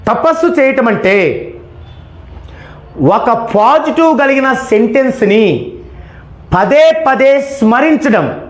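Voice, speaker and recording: A man's voice: very high voice, animated, takes it slowly, pauses often, roomy sound. A man teaching numerology in an emphatic lecture, asking questions and answering them himself. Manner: emphatic, asks and answers his own questions. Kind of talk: explanatory lecture.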